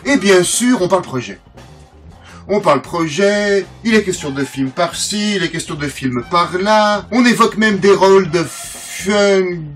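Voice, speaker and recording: This French man, a collector who hosts a channel, jokes his way through film history, stumbling on names and mocking himself. His voice has a fairly high pitch and a fairly bright tone.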